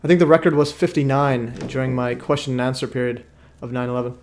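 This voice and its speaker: A man hosting a livestream, born in Iraq, sounding a bit tired. His voice sits at an ordinary mid pitch. He rambles through his points with fillers and false starts. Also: steady tone, fast talker, a little hiss or hum. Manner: rambling, many fillers and restarts. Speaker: livestream host. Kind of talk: casual livestream chat.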